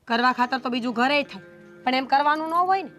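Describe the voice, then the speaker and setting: A woman playing a scolding, fast-talking elder sister. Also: sits high, a bit bright, faint music behind. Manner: scolding, reproachful. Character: exasperated elder sister scolding the younger one. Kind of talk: family drama acting.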